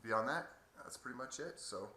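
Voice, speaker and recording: A man giving a halting, hesitant casual video update with a sore throat two days after surgery. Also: medium pitch, expressive, sharp tone. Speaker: patient vlogger. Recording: echoey room, faint background noise.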